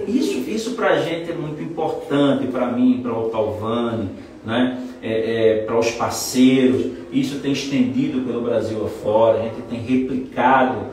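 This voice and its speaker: In an echoey room with the mic set at a distance, a man in his forties, a trial lawyer and mentor, chats in a casual interview, explaining expansively and with self-assurance. His mid-range, darkish voice is unhurried with hardly any pauses, and there's a little hiss or hum.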